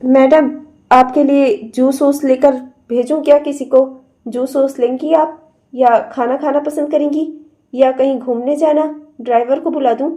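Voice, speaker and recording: A man's voice: very high voice, fairly even intonation, a little slow, mellow. A voice actor playing a polite, deferential male household servant in a cartoon. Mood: eager. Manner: deferential, eager.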